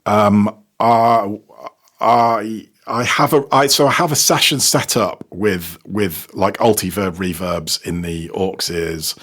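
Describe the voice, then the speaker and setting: Slow and fairly even in intonation, this guest's lowish, slightly bright voice carries a casual interview about audio production. He works as a sound designer and technical producer and speaks hesitantly, repeating words while he finds his phrasing.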